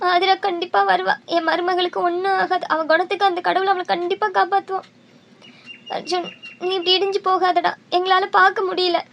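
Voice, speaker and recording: A woman's voice: very high voice, little pitch movement, fairly quick, vocal fry, fairly bright tone, slight background noise, full character voice. A woman voicing a worried, devout mother in a cartoon, speaking in a pleading, emotional way. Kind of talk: cartoon dubbing.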